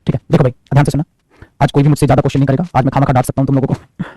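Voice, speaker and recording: A man's voice: mid-range voice, little pitch movement, very fast, mellow, no echo. A young man teaching a live online class in a chatty, teasing, scolding way. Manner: chatty, scolding, joking with students. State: sore neck. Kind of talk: casual live class talk.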